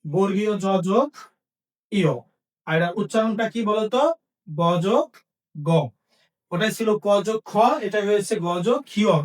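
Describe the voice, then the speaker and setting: A man's voice: high-pitched, normal speed, long pauses, far from the mic. A man teaching a language lesson, asking questions and then answering them himself, repeating each key point. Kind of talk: Bengali grammar lesson.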